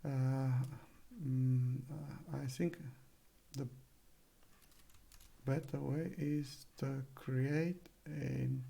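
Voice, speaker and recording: A man's voice: medium pitch, gravelly, warm tone. A man narrating a live coding screencast, thinking aloud with many fillers and self-corrections, at a desk microphone. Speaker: coding tutor. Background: keyboard typing and clicks.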